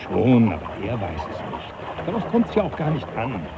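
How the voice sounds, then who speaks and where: An actor playing a jovial, teasing professor who laughs often, in a radio play. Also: male voice, mid-range voice, huge pitch swings, normal speed, muffled recording. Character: jovial older male professor, mocking. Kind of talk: 1980s radio play acting.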